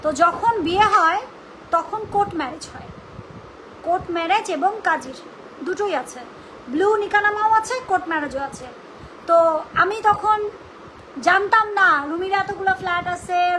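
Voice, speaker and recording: A woman speaking unscripted on a livestream in an indignant, confrontational, shrill voice. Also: sharp tone, a little hiss or hum, rough recording. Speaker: live-streamer rebutting accusations about own family.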